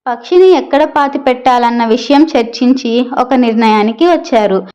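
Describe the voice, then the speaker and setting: A woman narrating a children's moral story in a steady, clear storytelling manner. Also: high voice, muffled recording.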